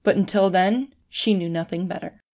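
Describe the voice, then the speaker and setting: A woman hosting a fiction podcast, reading a thriller story in a plain, steady way. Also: mid-range voice, normal speed. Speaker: podcast host and author.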